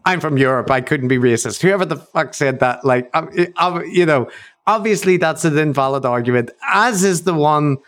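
A man's voice: a little high, normal speed, a bit bright. A man co-hosting a podcast, talking things through with fillers and the odd swear. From Northern Ireland. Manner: thoughtful, many fillers, swears casually. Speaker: podcast co-host. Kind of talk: casual discussion.

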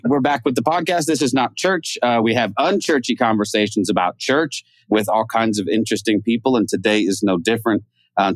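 A man's voice: on the low side, no echo. A man co-hosting a casual podcast interview, chatty and self-deprecating, with frequent stumbles and restarts. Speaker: podcast co-host.

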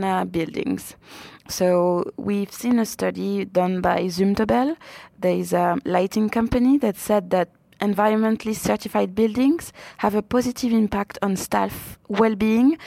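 A woman's voice: mid-range voice, gravelly, darkish tone, no room sound. A woman financial analyst giving interview answers, explaining research carefully with figures.

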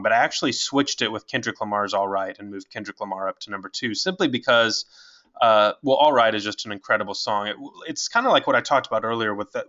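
A man's voice: on the low side, pushed and bright, dull audio. A man co-hosting a podcast in a casual music chat, rambling with lots of filler words. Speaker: podcast co-host.

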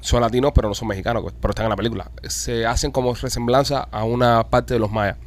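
A man's voice: medium pitch, fairly even intonation, fast talker. A man hosting a podcast, telling a story in a rambling, profane way with many restarts. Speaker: podcast host. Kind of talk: casual chat.

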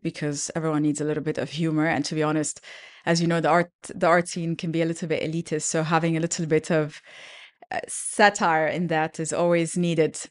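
Interview guest: woman from Egypt, middle-aged, low-pitched, unhurried and thoughtful, lots of ums. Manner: thoughtful, hesitant with many fillers. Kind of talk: casual interview chat.

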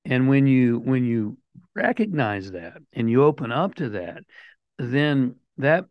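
A man's voice: mid-range voice, very animated, measured pace, no echo. Older man, podcast guest, emphatic and inspirational, on a dull, muffled line. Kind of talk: motivational talk.

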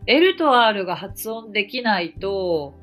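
A woman's voice: medium pitch, very animated, takes it slowly, fairly bright tone, soft background music. Woman from japan teaching english on a podcast, bouncy up and down voice, friendly encouraging explainer. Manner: chatty, encouraging, explains with examples.

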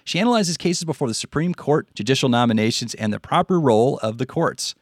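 A man's voice: mid-range voice, expressive, a little fast, no echo, studio quality. A man with an American accent hosting a podcast from a script. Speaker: stand-in podcast host.

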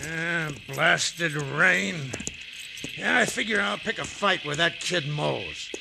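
A man playing a bullying, vengeful outlaw with a gruff American Western accent in an old-time Western drama. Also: fairly high pitch, takes it slowly, background noise, heavily acted. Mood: scheming, gruff. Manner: gruff, threatening.

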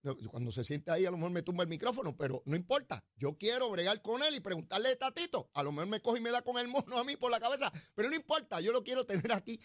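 A middle-aged man with a Puerto Rican accent hosting a political talk show, combative and mocking, swinging between loud and quiet, talking into a studio mic. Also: sits high, expressive, fast talker, few pauses, no room sound. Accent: Puerto Rican Spanish. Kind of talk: political commentary monologue.

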